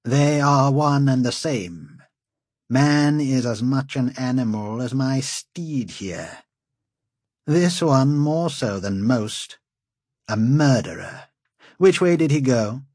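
A man's voice: medium pitch, animated, takes it slowly, a little mellow, no room sound, studio quality, pitched above the performer's own voice. A man voicing a haughty noble lord who rides nude and hunts in the swamps, pompous and mocking.

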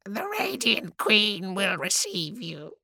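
A man voicing an ancient, cold and guarded female tree spirit with a creaking, slow, drawn-out voice. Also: high voice, wildly swooping pitch, a crowd in the background, pitched above the performer's own voice, full character voice. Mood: cryptic. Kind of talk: audiobook character voice.

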